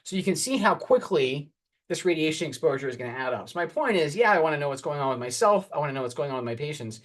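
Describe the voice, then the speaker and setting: A man's voice: a little high, very animated, fast talker. Man, 40s, oncologist presenting on stage; candid, wry and earnest. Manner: calls for next slides. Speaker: oncologist giving a talk. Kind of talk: conference presentation.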